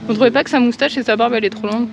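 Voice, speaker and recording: A woman's voice: fairly high pitch, fairly even intonation, racing, vocal fry, music in the background. A woman chatting casually to the camera as a travel vlogger outdoors. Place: outdoors in town. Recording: loud outdoor traffic and ambient noise. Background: loud vehicle and street noise.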